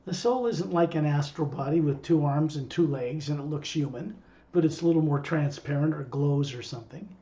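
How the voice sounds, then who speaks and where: A man's voice: a little high, fairly quick, dark tone, lo-fi sound. A man who acts as a spiritual teacher, talking casually and digressively to a small group. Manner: rambling, digressive.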